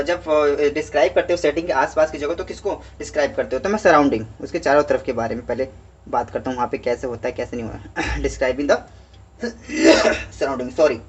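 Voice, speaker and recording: A male teacher with a scratchy throat walks through a worksheet in casual chat, reading English lines slowly and saying "okay" again and again. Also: on the high side, husky, lo-fi sound. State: scratchy throat, heavy-headed. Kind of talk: casual Hindi worksheet walkthrough.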